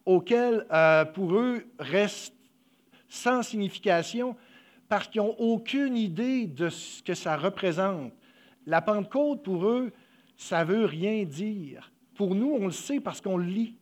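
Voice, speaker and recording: A young man giving a sermon, emotional and halting, often dropping his voice, with many fillers. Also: high-pitched. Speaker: preacher.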